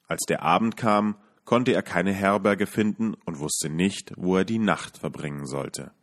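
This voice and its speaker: A man calmly reading a fairy tale aloud as a podcast storyteller. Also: low voice. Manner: calm, measured reading.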